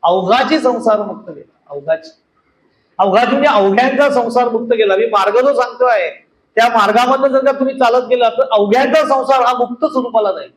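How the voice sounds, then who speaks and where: A man with a strikingly high voice delivers a devotional discourse. He explains patiently and weaves in parables. A faint hiss sits under the recording. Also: poor audio. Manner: explains slowly, tells stories, chants verses drawn out. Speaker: spiritual teacher.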